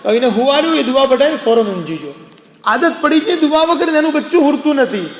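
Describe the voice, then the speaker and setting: A man's voice: extremely high pitch, animated, fairly quick. A man preaching a sermon to women, earnest and exhorting, repeating phrases for emphasis. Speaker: religious preacher addressing women. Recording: echoey hall with long reverb.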